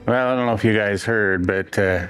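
A man casually narrating a travel vlog as he walks around, relaxed and unhurried. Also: fairly low pitch, clean tone, soft background music. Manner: relaxed, unhurried commentary while walking around. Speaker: travel vlogger. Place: walking around a train station and hotel, indoors and outdoors.

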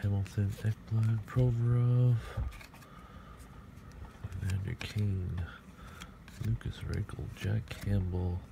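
A middle-aged man casually murmuring player names as he opens hockey card packs at a table, clearing his throat often. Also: lowish voice, level tone, takes it slowly, long pauses, noisy background. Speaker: card collector opening packs. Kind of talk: casual pack-opening commentary. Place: indoor table at home.

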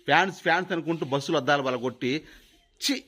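A man's voice: mid-range voice, animated, brisk, a bit bright. Angry threatening man. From Khammam, Telangana. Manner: angry, threatening, repeats himself. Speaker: video creator. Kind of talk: angry direct-to-camera rant.

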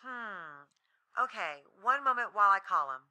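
A woman's voice: medium pitch, expressive, moderate pace, bright, forceful tone. A woman playing a customer service agent, heard over a speakerphone from across the room. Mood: polite. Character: chipper female customer service rep on the phone.

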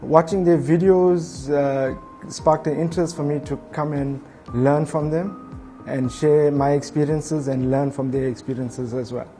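A man's voice: a little high, steady tone, measured pace, warm tone. A man from Botswana giving an articulate interview testimonial in a studio on a lapel mic. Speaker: training course participant. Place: indoor studio with grey backdrop. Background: music bed.

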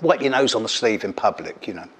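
Fast and expressive, a man with a fairly low voice performs stand-up as an astrologer. The middle-aged Englishman holds a mic on an event hall stage, and his delivery is caustic, teasing and punchy.

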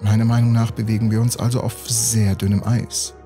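Man reading as calm, earnest young woman. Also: fairly low pitch, fairly quick, soft background music, close to an everyday voice.

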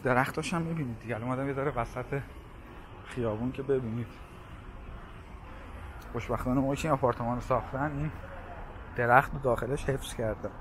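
A man talks casually as he walks city streets, his voice mid-pitched. Clear traffic noise runs behind him outdoors. He points things out and reads off prices in a relaxed, chatty way. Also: pauses often. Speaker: walking tour vlogger. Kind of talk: casual walking-tour narration.

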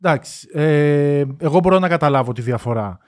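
A man's voice: fairly high pitch, animated. A young man in casual podcast chat, explaining at length with frequent restarts. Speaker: podcast co-host.

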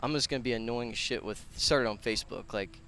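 Speaking fast in a medium-pitched, fairly bright voice, a man in his twenties who trains clients and owns a gym gives a casual, earnest, slangy interview full of rambling. He uses a headset mic outdoors on a concrete patio, and a little hiss or hum can be heard.

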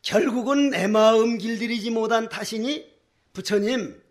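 An older man, a Buddhist monk, giving a dharma talk in a folksy, animated preaching manner full of rhetorical questions. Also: very high voice, moderate pace. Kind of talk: sermon.

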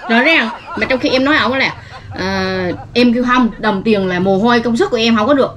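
A woman acting in a comedy sketch, complaining and then hurling loud threats. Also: a little high, a little fast, lo-fi sound, slight background noise. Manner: agitated, complaining, boastful threats.

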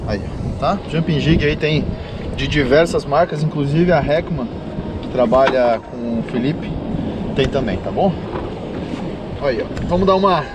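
A man, hosting a casual, slangy, jokey fishing vlog and addressing viewers directly. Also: a little high. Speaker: fishing video host. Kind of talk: casual outdoor vlog commentary. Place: open small motorboat at sea. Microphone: action camera on the boat. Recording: loud wind and boat noise.

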